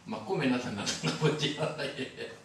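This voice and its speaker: A man's voice: medium pitch, measured pace, creaky, a bit bright, a little hiss or hum. An older man preaching a sermon as a pastor, telling stories with humor and acting out the dialogue. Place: church sanctuary. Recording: roomy echo, heard from a distance.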